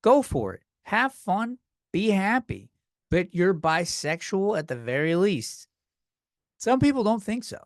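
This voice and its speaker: Pitched high with big swings, his measured delivery carries a solo comedy podcast. He's a man in his thirties who rambles, curses and runs himself down as he rants, and the studio sound is clean without echo.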